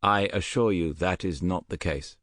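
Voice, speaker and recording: A man's voice: sits low, moderate pace, a bit bright, no room sound, clean studio sound. A man voicing an earnest, careful German officer who has defected, answering questions politely in an audiobook. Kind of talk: audiobook character voice.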